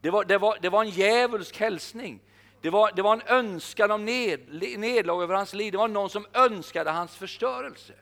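An older man preaching a sermon, emphatic, slowing down to repeat his key phrases. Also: sits high, fairly bright tone.

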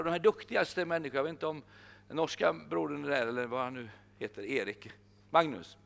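An older man preaching a sermon, emphatic, slowing down to repeat his key phrases. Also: fairly high pitch, creaky, a bit bright.

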